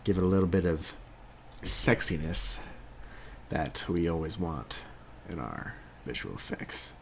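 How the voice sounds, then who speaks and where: A young man with a deep, lively voice walks through a software tutorial in an easy, joking way, correcting himself as he goes. There is a faint hiss of noise behind him. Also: measured pace, creaky. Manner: laid-back, jokey, self-correcting, talks while working. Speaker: tutorial host. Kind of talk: casual screen-recorded software tutorial.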